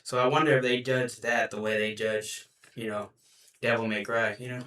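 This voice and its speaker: A young man talks loosely and casually on a homemade podcast, rambling with filler words. His voice is bright and sits a little away from the mic. The room rings with noticeable echo. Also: mid-range voice, fairly even intonation, normal speed, distant mic. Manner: laid-back, rambling, lots of "you know". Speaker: podcast co-host. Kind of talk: casual chat. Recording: roomy, a bit off-mic.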